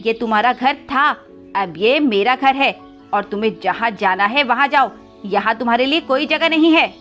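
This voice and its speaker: A woman's voice: a little high, animated, normal speed, a bit bright, faint music behind. A woman voicing a greedy, scheming female crow who talks harshly and dismissively. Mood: scornful.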